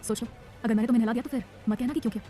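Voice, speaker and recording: A woman's voice: on the high side, steady tone, racing, mellow, natural voice. A woman narrator voicing a confident, teasing young businessman husband who speaks with a smug ease.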